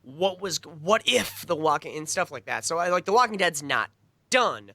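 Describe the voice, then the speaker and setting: Podcast guy, bouncy pitch, bright voice, laughs a lot, dry sound. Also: normal speed, no room sound. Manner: animated, laughs often, restarts sentences. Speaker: podcast co-host. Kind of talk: casual chat.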